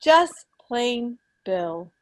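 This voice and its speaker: A fairly high-pitched, very animated woman speaks very slowly. She's an American in her thirties hosting a quiz over a home video call, playing a casual, playful mock schoolteacher as quizmaster, and her voice comes through a computer mic.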